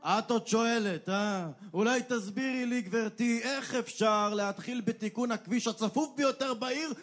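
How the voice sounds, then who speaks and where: An actor playing a blustering, impatient police commander in a radio comedy sketch, demanding and exasperated. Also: male voice, extremely high pitch, a bit bright.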